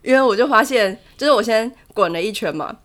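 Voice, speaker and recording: A woman's voice: a little high, animated, a bit bright. A woman co-hosting a podcast, telling a story in casual chat and laughing often as she talks. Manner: tells a story quickly and vividly, often laughing. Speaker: podcast co-host.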